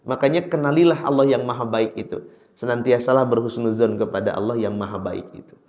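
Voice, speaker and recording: Sundanese preacher man in echoing mosque. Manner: storytelling with sudden high, loud outbursts; chants Quran verses slowly. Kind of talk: mosque sermon. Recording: echoey mosque hall.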